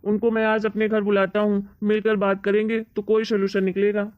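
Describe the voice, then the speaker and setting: A woman's voice: medium pitch, monotone, brisk, natural voice. A woman playing a greedy middle-aged son and husband who coaxes and argues in a plain voice. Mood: coaxing. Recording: dull lo-fi recording.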